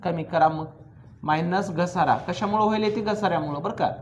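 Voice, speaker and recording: A male commerce teacher, lecturing a class and drilling students with quick questions and teasing remarks. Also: high voice, highs cut off, a little hiss or hum.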